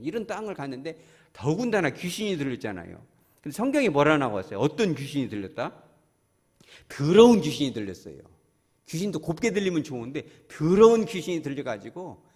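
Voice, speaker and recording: Man preaching, pastor, husky voice, lively rising and falling pitch, long church-hall echo. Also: fairly quick. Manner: animated, asks the congregation questions. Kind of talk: sermon. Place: church sanctuary.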